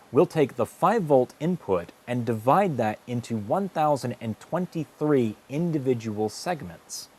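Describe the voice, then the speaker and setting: A man with a medium-pitched, slightly mellow voice hosts and teaches an electronics tutorial series. He reads from a script, walking through each step methodically in careful phrasing.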